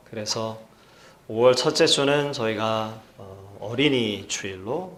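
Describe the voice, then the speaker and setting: A male pastor preaching a sermon in a measured, earnest way, putting rhetorical questions to the congregation. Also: lowish voice, fairly bright tone. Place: church sanctuary. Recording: echoey church hall.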